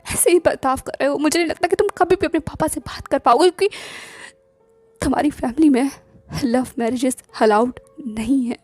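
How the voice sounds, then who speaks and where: A woman's voice: sits high, fairly quick, no room sound, soft background music, lightly acted. A woman voicing a young woman in love who pleads emotionally, as an audiobook character voice. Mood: hurt. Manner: emotional, pleading, teasing at times.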